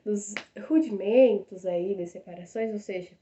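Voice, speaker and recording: A woman's voice: mid-range voice, measured pace, warm tone, lo-fi sound, a little hiss or hum. A young woman with a Brazilian Portuguese accent, tutoring in a casual, step-by-step way with frequent tag questions and fillers. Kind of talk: casual explanatory lesson.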